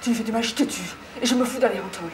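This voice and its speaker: A woman's voice: rapid-fire, echoey room, far from the mic, music in the background, lightly acted. A woman playing a fierce, cornered young woman. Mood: desperate. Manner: shrill, threatening, screaming. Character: young woman accused of informing, fierce and desperate. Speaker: actress in a crime film shown on television.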